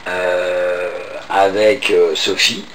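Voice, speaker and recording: A man hosts a casual interview with a hoarse, cavernous, low voice. He is chatty and self-deprecating. The sound is roomy and distant, with clear noise behind him. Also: level tone, drawn-out words, a bit bright. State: hoarse, cavernous voice from lingering voice loss. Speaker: host of a health show. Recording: roomy echo, off-mic, clearly noisy.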